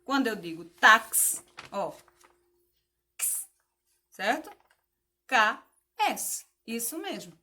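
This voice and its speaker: A woman's voice: on the high side, big pitch swings, takes it slowly, pauses often, pushed and bright. A woman teacher giving a patient phonics lesson to children, spelling out letters, asking questions and praising the answers.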